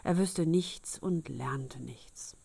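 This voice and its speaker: A woman reading a fairy tale aloud in a calm, measured storytelling manner, sometimes sinking to a whisper. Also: deep voice, vocal fry, husky, no echo. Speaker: narrator.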